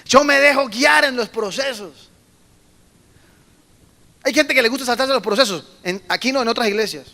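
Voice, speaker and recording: A man's voice: very high-pitched, normal speed, pauses often. A middle-aged man preaching a sermon to young people, telling stories and acting out voices with emphatic bursts. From Colombia. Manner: animated storytelling, acts out quoted voices, emphatic bursts. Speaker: pastor. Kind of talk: sermon to a youth meeting.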